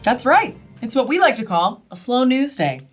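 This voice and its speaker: A woman's voice: fairly high pitch, big pitch swings, normal speed, soft background music. A woman playing a parody local news co-anchor, dry, snide and cynical. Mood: deadpan. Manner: dry, snide, foul-mouthed.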